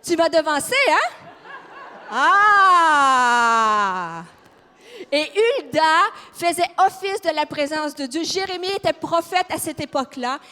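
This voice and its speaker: A woman's voice: extremely high pitch, normal speed, hardly any pauses, a bit bright. A woman with a Québécois accent preaching a fiery, emphatic sermon and putting questions to her audience in a church hall. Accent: Québécois French. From Quebec. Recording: long reverb of a large hall.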